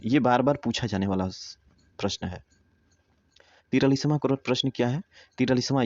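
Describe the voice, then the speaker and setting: A man with a low, mellow voice leads an exam prep lesson, going through each answer step by step and slowly repeating words as he explains. The audio is dull and close, with no echo.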